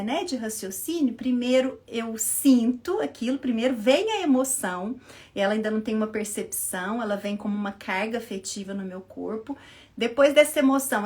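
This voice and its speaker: A woman with a high voice and a Brazilian Portuguese accent talks through a live-stream lesson. She explains ideas in an animated way and often pauses to check that her viewers are following. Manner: animated, keeps checking in with listeners. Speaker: therapist hosting a live stream. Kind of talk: casual live-stream talk. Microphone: live-stream setup, earring knocking the mic.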